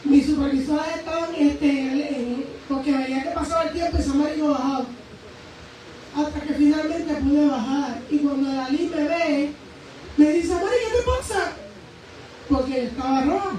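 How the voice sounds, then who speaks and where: A woman preacher giving a fervent testimony in a sermon, emphatic and swinging between raised and hushed speech. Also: high voice, fairly even intonation, normal speed. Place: church sanctuary. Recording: very echoey church hall, voice from far off, faint noise.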